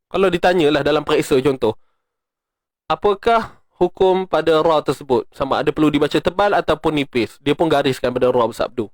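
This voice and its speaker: A middle-aged man with a Malaysian Malay accent, teaching Quran recitation in a casual, joking online lesson and drilling sounds slowly. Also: a little high, no room sound.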